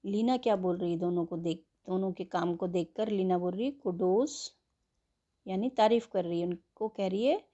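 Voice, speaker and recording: A woman teaching an English worksheet, slowly spelling words letter by letter and explaining them in Hindi. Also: fairly low pitch, dark tone, dull audio. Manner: slow and patient.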